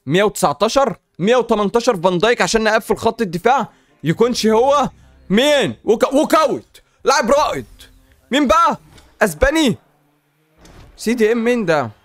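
A man with an Egyptian accent giving casual, excitable gaming commentary as a YouTube host. He chats to his viewers and pleads with the game as he plays. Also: high-pitched, no room sound. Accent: Egyptian Arabic. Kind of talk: casual gaming commentary while opening packs.

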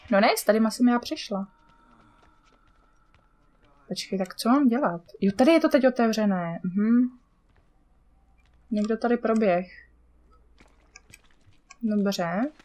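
A woman's voice: a little high, a little mellow. Czech woman gamer, casual let's-play chatter, mutters and swears at the screen.

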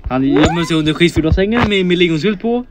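A man doing playful game commentary, his pitch jumping up and down as he talks. He narrates each move and voices the character's thoughts in quick, jokey asides. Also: lively intonation, over music. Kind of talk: playful Let's Play commentary.

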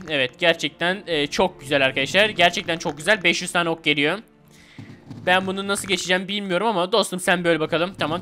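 A young man calls out a battle game in a bright, high, excitable voice and yells slangy taunts at the enemies. Game music plays faintly underneath. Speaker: gaming YouTuber. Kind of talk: casual gameplay commentary.

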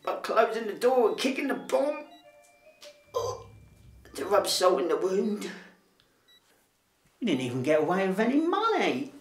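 Man playing a slow, hapless British robber. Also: high-pitched, very animated, heavily acted. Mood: self-pitying, glum. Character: hapless, self-pitying small-time male robber. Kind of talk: naturalistic film acting. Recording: roomy distant film sound with music.

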